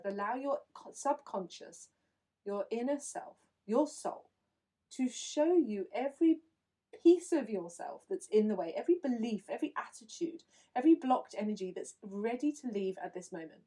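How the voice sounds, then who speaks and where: Woman with a mellow voice guiding a meditation. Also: a little high. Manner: slow, soothing, instructive. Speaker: meditation guide. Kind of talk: guided visualization.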